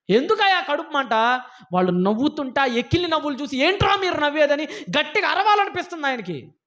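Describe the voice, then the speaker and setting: A man preaching a sermon in a church, scolding his listeners with emphatic rhetorical questions. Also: very high-pitched. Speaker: pastor. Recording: dull lo-fi sound.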